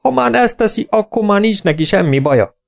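A man's voice: high-pitched, animated, vocal fry, pitched above the performer's own voice. A man voicing a blunt, cheerful old-style farmer. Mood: jubilant. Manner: blunt, exclaiming, rustic speech. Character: middle-aged male Yorkshire farmer, blunt, dry, cheerful.

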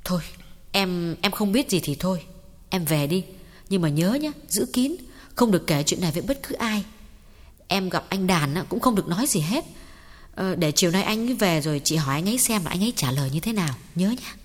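A woman's voice: fairly low pitch, lively intonation, brisk. A woman voicing a betrayed wife who speaks in a weary, subdued, instructing way. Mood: resigned. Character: wounded older wife, quiet and resigned. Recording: reverberant reading with guitar music behind.

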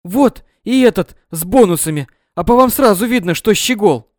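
A man voicing a loud, domineering middle-aged mother who scolds and plays up her drama. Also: lively intonation, normal speed, no room sound, clean studio sound. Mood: shrill scolding. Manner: shrill, scolding, melodramatic.

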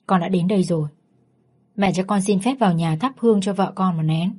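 A woman's voice: lowish voice, fairly quick, a little mellow, husky. A woman voicing a remorseful man, once jailed, who pleads humbly with his mother-in-law. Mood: pleading.

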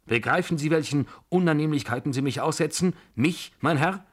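A man's voice: on the high side, a little fast, pitched above the performer's own voice, close to an everyday voice. A man voicing a stern, pompous older general who speaks sharply and formally in a radio drama reading. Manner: indignant, sharp, stiffly formal.

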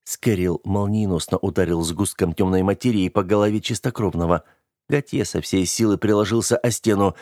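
Low-voiced guy reading a story in first person, calm steady read, dry close mic. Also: moderate pace, dry recording. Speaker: audiobook narrator. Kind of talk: first-person scripted narration.

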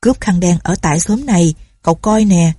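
A woman doing a gruff barking sergeant. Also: lowish voice, fairly quick, warm tone, dry recording, studio quality. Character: blustering male colonial-era village police sergeant.

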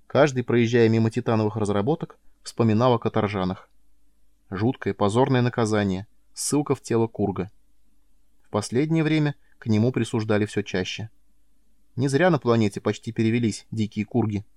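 A man narrating a science fiction audiobook in a calm, measured way. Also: fairly low pitch, no room sound, clean studio sound. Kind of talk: scripted narration.

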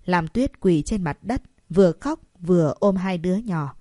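A woman reading a romance story aloud as a narrator, shifting her pitch slightly for the characters' lines. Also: expressive, normal speed, warm tone, no room sound, studio quality. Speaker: audiobook narrator.

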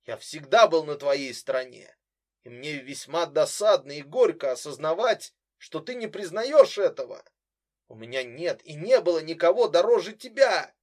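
A man's voice: a little high, expressive, normal speed. A man voicing an anguished brother who earnestly pleads with his sister in an audiobook. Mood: pleading.

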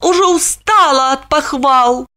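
A woman's voice: sits high, very animated, moderate pace, bright, forceful tone, voice pushed up, exaggerated voice. A woman voicing a vain, scheming young wife in an audiobook, haughty and irritable.

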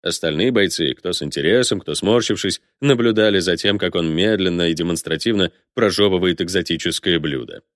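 Low-voiced male audiobook narrator. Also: brisk, hardly any pauses, no room sound, clean studio sound. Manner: colloquial storytelling.

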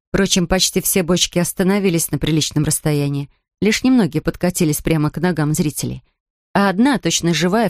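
A woman narrating a children's audiobook in a clear, even storytelling manner. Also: fairly low pitch, dry recording, clean studio sound. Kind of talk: audiobook reading.

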